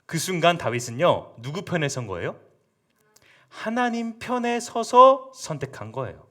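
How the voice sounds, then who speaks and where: A man's voice: on the high side, moderate pace. A man preaching to children, telling the story with energy and asking the listeners questions. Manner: animated storytelling, asks the audience questions. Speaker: youth pastor. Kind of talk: sermon for children.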